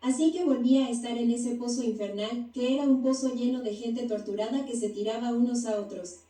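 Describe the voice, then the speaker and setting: A woman narrates a first-person testimony in an even, read-aloud voice-over. Her tone is deeply mellow and a little high. She sounds set back from the mic in an echoey space. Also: a little fast, distant mic. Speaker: narrator of a near-death testimony.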